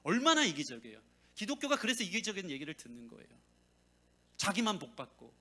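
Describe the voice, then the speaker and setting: A man preaching with a high, bright voice that rises and falls a lot. He tells a family story as he goes and acts out the voices of the people in it. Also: wildly swooping pitch, fast talker. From South Korea. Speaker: pastor. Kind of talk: sermon.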